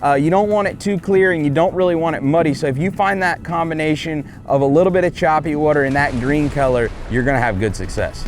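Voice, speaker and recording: Enthusiastic fishing-show host, male, fairly high voice, on a boat. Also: fast, few pauses, a little hiss or hum. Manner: enthusiastic, exclamatory. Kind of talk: casual on-camera chat while fishing. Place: on a fishing boat outdoors at sea.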